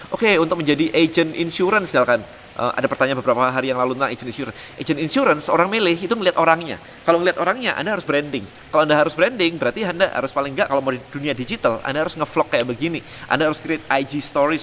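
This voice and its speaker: A man hosting a business vlog, rattling along at a brisk clip with a fairly high voice. His casual, lively delivery slips English phrases into the talk. The room rings with a long reverb and a faint hum of ambience. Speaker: vlog host and business coach.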